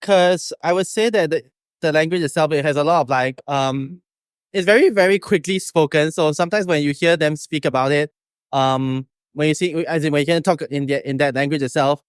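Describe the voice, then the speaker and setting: A man with a Singaporean Singlish accent talking casually and haltingly, searching for words. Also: on the high side, clear, resonant tone, dry recording, studio quality. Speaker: street interviewee. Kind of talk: casual chat.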